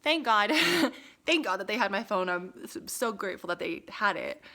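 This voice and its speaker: A young woman from Las Vegas chatting casually to her camera, full of "like" and "um" and quick laughs. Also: mid-range voice, bright, forceful tone. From Las Vegas, USA. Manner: chatty, lots of "like" and "um", laughs often. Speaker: vlogger. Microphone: phone camera.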